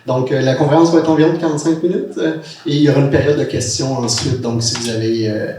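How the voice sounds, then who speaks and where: A man's voice: mid-range voice, steady tone, fast, a little mellow, a little hiss or hum. A man, hosting a public book talk and interviewing his guest, hesitant and full of fillers. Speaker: host and interviewer. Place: bookshop event room. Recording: echoey room from a distance.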